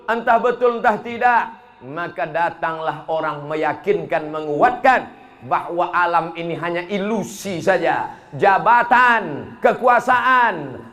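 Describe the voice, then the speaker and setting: A high-voiced male preacher gives a humorous sermon in a mosque. He jokes with the crowd, shifting between loud ringing calls and low muttered asides. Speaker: Islamic preacher.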